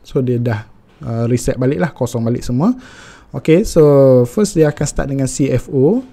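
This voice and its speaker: Brief: young Malaysian man, mellow tone, patient step-by-step finance tutor, filler-heavy. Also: mid-range voice, moderate pace. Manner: mixes Malay and English, many fillers.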